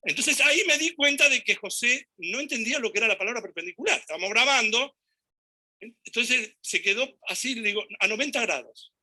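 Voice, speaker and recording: A man with a Rioplatense Spanish accent giving a talk to an audience, telling anecdotes in an animated way and acting out dialogue and gestures. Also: extremely high pitch, brisk.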